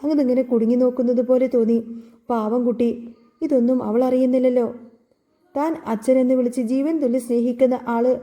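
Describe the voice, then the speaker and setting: Lady reading out a serial recap like a story, dark mellow voice, a bit high. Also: steady tone, a little fast. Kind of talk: scripted story narration.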